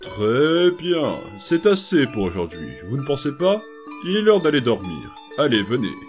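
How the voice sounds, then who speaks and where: In a fan comic dub with faint music underneath, a man voices a gentle, patient adult skeleton caring for strange little children. His middle-pitched voice swings widely up and down as he coaxes them softly, hesitantly, with many small pauses and fillers.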